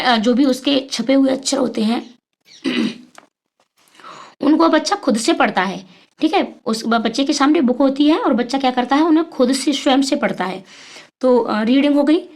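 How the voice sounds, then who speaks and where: A high-pitched woman teaches an exam-prep lesson. She poses questions to her students and answers them herself, stopping often on fillers. She keeps the pace of a classroom explainer. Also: lively intonation, normal speed, vocal fry.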